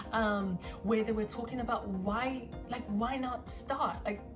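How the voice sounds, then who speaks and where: A woman in her twenties from South Africa, introducing herself to the camera in a rambling, self-conscious vlog with lots of ums and pauses, recorded on a phone. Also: on the high side, music in the background. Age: 20s. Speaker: vlogger.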